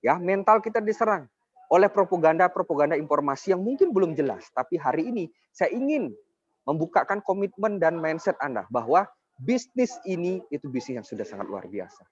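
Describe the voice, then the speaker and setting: A man's voice: fairly high pitch, sing-song, fairly quick, breathy edge, no room sound. A young man in his twenties giving a persuasive motivational sales presentation, often addressing his audience directly. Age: 20s. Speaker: network marketing presenter. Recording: dull lo-fi dry sound.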